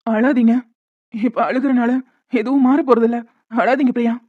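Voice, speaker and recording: A woman's voice: a little high, steady tone, moderate pace, no echo, close to an everyday voice. A woman voicing a distraught young father in a cartoon, speaking wearily and helplessly. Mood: consoling. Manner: weary, helpless consoling. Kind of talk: cartoon voice acting. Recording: tinny phone-like sound.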